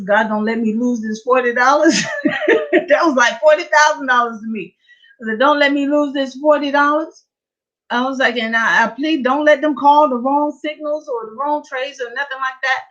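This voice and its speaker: A woman giving a lively testimony at a church prayer service, telling her story with animated energy. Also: medium pitch. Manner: lively storytelling, acting out her own excitement. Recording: dull lo-fi church livestream.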